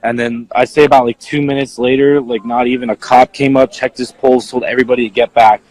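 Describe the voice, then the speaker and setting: A young man, an eyewitness, answering viewer questions in a casual, halting way, full of "like" and "you know.". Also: medium pitch, little pitch movement, a little mellow, low-quality recording. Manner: halting, filler-heavy, leans on "like". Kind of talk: casual spoken account.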